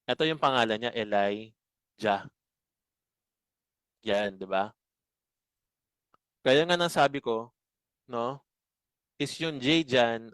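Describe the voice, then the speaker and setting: A man leads a Bible study at an unhurried, deliberate pace. His voice is clean and clear, with a dry, close sound and no room echo. He keeps checking in with his listeners through quick rhetorical questions. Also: mid-range voice, fairly bright tone. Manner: slow, explanatory, asks rhetorical questions often.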